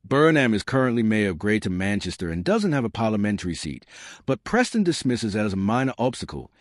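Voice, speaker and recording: A man's voice: on the low side, sing-song, fairly quick, dry recording, clean studio sound. A man narrating scripted political commentary in an emphatic, dramatic and scornful way.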